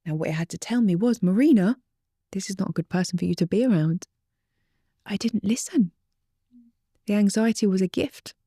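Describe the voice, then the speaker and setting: Mellow-voiced woman coaching earnestly. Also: mid-range voice, normal speed, long pauses, slightly rough, dry recording, clean studio sound. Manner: earnest and teaching, drops to soft whispery emphasis. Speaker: relationship coach. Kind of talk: interview guest.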